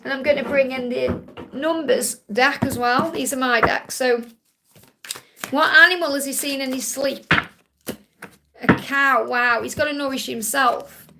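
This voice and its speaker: A woman's voice: high voice, steady tone, a little slow, creaky, long pauses, background noise. A woman from Stoke with a Stoke accent, giving live spiritual readings to viewers in a reassuring way and often checking in with a short tag question. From Stoke, England. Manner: reassuring, repeatedly checking with "okay?". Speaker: psychic card reader hosting a live Q&A.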